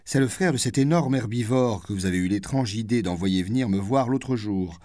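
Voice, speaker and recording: A man doing a cutting, witty high-society duchess. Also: dark tone, no echo, clean studio sound, lightly acted. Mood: indignant. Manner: mocking, theatrical, rapid-fire wit. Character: witty, cutting aristocratic duchess, middle-aged woman.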